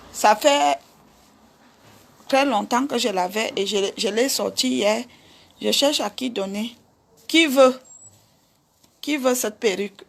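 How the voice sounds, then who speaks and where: A middle-aged woman with a Cameroonian accent, chatting live with her viewers, handing out advice in an animated, chatty way. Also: a little high, creaky. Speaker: vlogger. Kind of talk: casual live chat with viewers.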